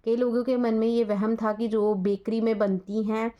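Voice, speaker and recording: A woman's voice: fairly high pitch, level tone, normal speed, highs cut off. A woman with an Indian accent, teaching an English lesson and explaining patiently, spelling words out letter by letter.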